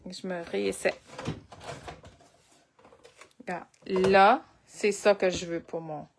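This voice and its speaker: A woman's voice: on the low side, steady tone, takes it slowly, vocal fry, slight background noise. A woman with a Québécois French accent leading a live crafting tutorial, chatting and thinking aloud as she works. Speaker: crafting instructor.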